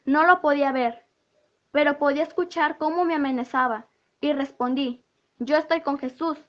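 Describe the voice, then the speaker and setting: High-voiced woman giving an earnest testimony. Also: steady tone, moderate pace, highs cut off. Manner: earnest retelling of a vision with quoted dialogue. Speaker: church member giving a testimony.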